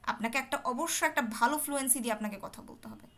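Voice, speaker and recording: A woman's voice: a little high, fast talker, a bit bright. A woman teaching an English speaking test over a video call, explaining patiently and often checking that her students follow. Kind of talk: online teaching session.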